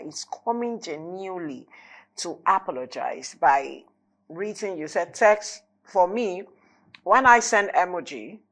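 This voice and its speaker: A woman's voice: fairly low pitch, fairly bright tone. A woman hosting a TV panel discussion, asking questions in a reflective way and drawing on her own example.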